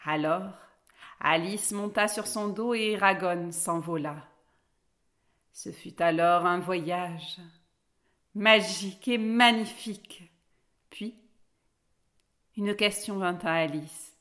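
A woman reading a children's fairy tale aloud in an expressive, lilting way. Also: on the low side, takes it slowly, long pauses. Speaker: storyteller.

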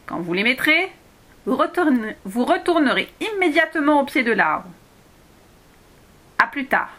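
A woman's voice: high voice, big pitch swings, measured pace, fairly bright tone, voice pushed up, full character voice. A woman voicing a grumpy, brusque little male dwarf in a read-aloud storybook. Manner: gruff, brusque.

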